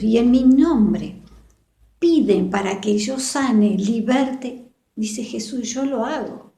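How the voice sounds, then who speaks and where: Argentine lady teaching bible class, slow and mellow, echoey room. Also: a little high, gravelly. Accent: Rioplatense Spanish. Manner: slow and earnest, acts out the quoted dialogue. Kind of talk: Bible school lesson over the internet.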